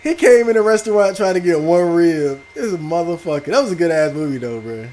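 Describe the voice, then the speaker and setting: Loud, profane gaming streamer, high and lively. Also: male voice, fast talker, slight background noise. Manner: loud, profane, reactive outbursts. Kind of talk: casual gaming stream commentary.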